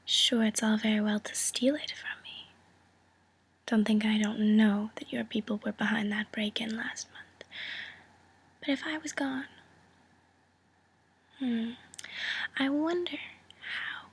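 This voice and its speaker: A calculating mob woman, played by a woman in a whispered role-play. Her voice is extremely breathy and fairly high, with a gravelly creak. She makes a friendly threat sound smooth and teasing, condescending in her deliberate phrasing. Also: steady tone, a bit bright, exaggerated voice. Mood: veiled threat. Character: cool, calculating woman mobster proposing a partnership.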